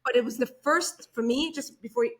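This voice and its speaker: A woman's voice: high voice, very animated, fairly quick. A woman hosting an interview, chatting eagerly and searching for the right words. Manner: eager, hesitant about wording. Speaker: host. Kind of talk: casual interview chat.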